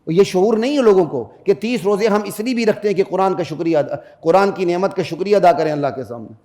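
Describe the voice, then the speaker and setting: A middle-aged mufti gives a Friday sermon, preaching emphatically with loud peaks and dropping to low asides for the congregation. He chants Arabic verses melodically.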